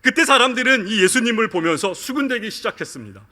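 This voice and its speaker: A man preaching a sermon, his voice bright and forceful with a pitch that climbs and falls in lively arcs. He leans on each line he quotes and keeps turning to speak to his listeners. His words ring out through a long church reverb. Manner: earnest preaching, drawn-out quoted lines, addresses the congregation often. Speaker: pastor. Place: church sanctuary.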